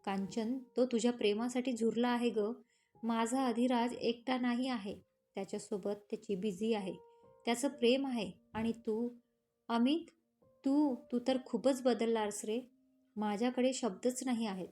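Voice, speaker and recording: A woman's voice: on the high side, measured pace, faint music behind, natural voice. A woman reading a protective scolding grandmother. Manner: sharp reproachful scolding. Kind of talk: storybook character reading.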